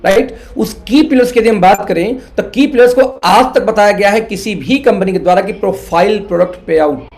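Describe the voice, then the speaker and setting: Persuasive high-voiced man mentoring. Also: fairly quick, hardly any pauses, a little mellow. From India. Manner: earnest, persuasive, mixes English words into Hindi, addresses listeners as friends. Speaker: network marketing mentor. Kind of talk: motivational business talk.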